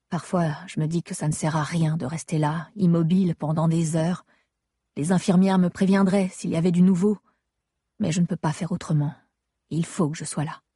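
Woman reading a first-person audiobook, husky mellow voice, intimate and measured, dry close mic. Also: lowish voice, no room sound. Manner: intimate, measured, emotional storytelling. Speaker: audiobook narrator. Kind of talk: scripted first-person narration.

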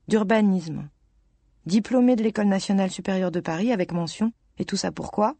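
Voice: mid-range voice, creaky, warm tone, no room sound. A reader voicing a wistful woman in her thirties in love with a married man, in a rueful, self-mocking, confiding audiobook reading.

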